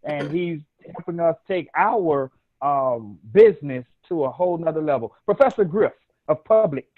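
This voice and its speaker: Chatty and rambling, with frequent laughter, this Southern-accented man hosts a live talk show online via video call. His voice is a little high and animated at a normal pace, with no room sound, and the audio is dry and phone-like tinny.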